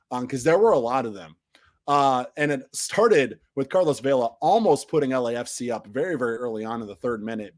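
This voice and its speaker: Still recovering from losing his voice, a soccer podcast host gives a casual match recap on a live stream in a mid-range voice. He rambles, restarts frequently, leans on fillers, and trails off quietly at the ends of phrases.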